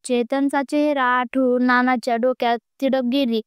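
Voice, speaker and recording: A woman reads a romance story aloud in a steady narrating voice. Her pitch sits high and barely moves, and the sound is crisp and dry, close to the mic. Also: normal speed, dry recording. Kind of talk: scripted narration.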